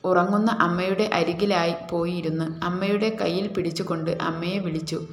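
A woman's voice: on the low side, reverberant. A woman with a Malayali accent reading a romance story aloud, voicing both the husband and the wife in the dialogue. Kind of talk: scripted romance narration.

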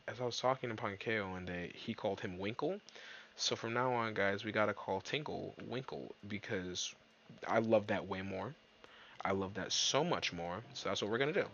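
A man giving casual, jokey let's-play commentary, excitable and swearing, talking to himself and his viewers. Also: lowish voice, moderate pace, vocal fry, lo-fi sound, slight background noise. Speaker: gaming YouTuber. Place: dark room at home.

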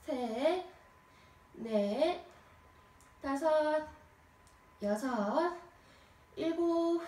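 Young woman, gym coach, high voice, very slow measured counting, exerting herself, roomy distant recording. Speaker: home workout instructor. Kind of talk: exercise coaching with rep counting. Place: small carpeted home room, indoors. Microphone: camera a few metres away. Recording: roomy, echoing, distant camera microphone.

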